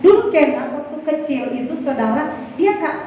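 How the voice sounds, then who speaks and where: A woman's voice: high voice, animated, normal speed, warm tone, slight background noise. A middle-aged woman pastor preaching a sermon, telling personal stories in a chatty way and acting out the voices in them. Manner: chatty storytelling, acts out voices in quotes. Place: church hall. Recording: echoey hall from far off, dull sound.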